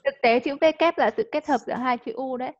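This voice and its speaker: A woman teaching English in a live online class. She coaxes the student and checks understanding with quick tag questions. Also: high-pitched, no room sound. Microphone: video call. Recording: dull lo-fi call audio.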